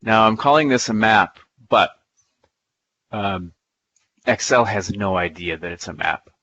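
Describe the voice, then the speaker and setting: A man giving a live software demonstration in a playful, folksy way, thinking aloud as he clicks through the steps. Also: fairly low pitch, a little slow, no room sound, lo-fi sound. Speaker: presenter. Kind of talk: live software demo talk.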